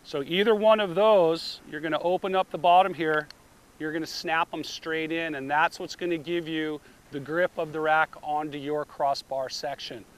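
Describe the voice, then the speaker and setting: A man's voice: fairly high pitch, steady tone, moderate pace. A middle-aged man explaining a roof rack product step by step, recorded outdoors at a beach beside a car on a camera mic. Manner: plain step-by-step instructions. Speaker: product demonstrator. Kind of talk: product demonstration.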